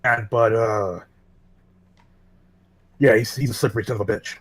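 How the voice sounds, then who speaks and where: A man running a tabletop game as game master, talking in a relaxed, casual, slightly rambling way. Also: fairly low pitch, moderate pace, husky.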